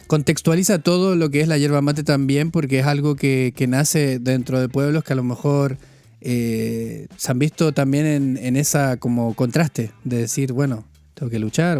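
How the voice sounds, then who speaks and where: Chilean man with a mellow voice. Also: medium pitch, moderate pace, dry recording. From northern Chile. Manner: chatty, many restarts and fillers. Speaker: podcast host. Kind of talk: casual conversation. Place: living in France.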